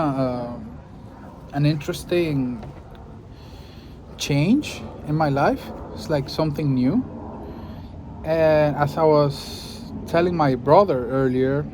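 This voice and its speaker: A Venezuelan man who makes podcasts and videos speaks Spanish in a casual monologue to the camera, musing thoughtfully and often searching for words. His voice sits on the high side, and there's background noise.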